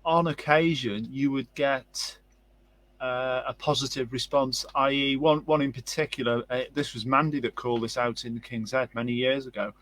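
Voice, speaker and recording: A man's voice: mid-range voice, fairly even intonation, normal speed, a bit bright. A man hosting a casual interview, telling rambling stories and often affirming his guest. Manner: rambling storyteller, frequent affirmations. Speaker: host.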